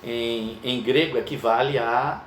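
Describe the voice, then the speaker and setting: A male teacher, giving a recorded lecture in an unhurried way, stretching key words and often asking "não é?". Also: medium pitch, steady tone. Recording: echoey room with faint ambient noise.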